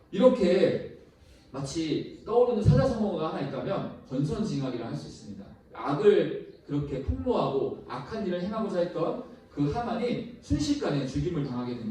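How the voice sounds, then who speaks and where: Lively, mellow-voiced man preaching in an echoey hall. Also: fairly high pitch, recorded from a distance, a little hiss or hum. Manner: storytelling, addressing listeners directly. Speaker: youth pastor. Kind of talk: sermon.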